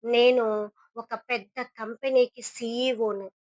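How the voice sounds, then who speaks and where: Woman voicing a gentle pleading man. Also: fairly high pitch, fairly even intonation, takes it slowly, no room sound, highs cut off. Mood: earnest. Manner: pleading, then earnest and kind. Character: humble middle-aged man, a rich boss posing as a beggar.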